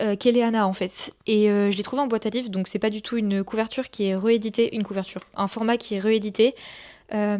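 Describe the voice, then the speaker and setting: A woman's voice: mid-range voice, a little mellow. A young woman book vlogger talking casually at her desk at home, enthusiastic and chatty with many fillers. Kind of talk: casual vlog chat.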